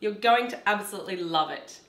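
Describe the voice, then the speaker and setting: A woman hosts a cooking demonstration in her home kitchen, walking through each step in a chatty, instructive way. Her mid-range voice is animated and fairly bright, a little fast, and the sound is roomy.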